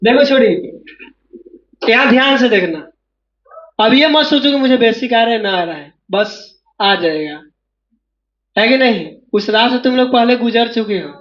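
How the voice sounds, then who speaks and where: A man's voice: very high voice, measured pace, pauses often, a bit bright, dull audio. A man teaching maths in a classroom, pressing students again and again to call out the answers. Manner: drills students, asking them again and again to answer aloud. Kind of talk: classroom lecture.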